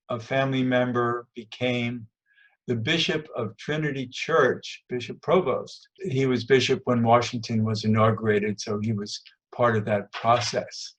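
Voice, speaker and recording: A man giving a measured, explanatory scripted personal statement. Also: medium pitch.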